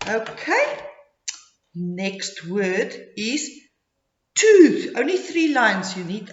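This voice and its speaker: A woman teaching phonics to young children, modeling sounds and words in slow, exaggerated speech with repetition and simple instructions. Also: mid-range voice, slight background noise. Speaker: early-grade phonics teacher. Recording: dull, echoey room sound.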